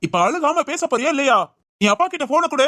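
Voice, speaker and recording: Woman doing a nervous young guy, stammers a lot, highish voice, dry sound. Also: expressive, quick pace, sharp tone, no room sound. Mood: worried. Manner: stammering, anxious questioning. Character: anxious young man on the phone.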